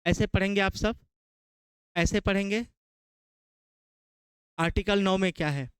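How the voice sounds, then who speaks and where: A man from Bihar, speaking Hindi with a Bihari accent, delivers a classroom lecture in a high-pitched, unhurried, smooth voice. He quizzes his students and repeats key terms, and there is no room sound.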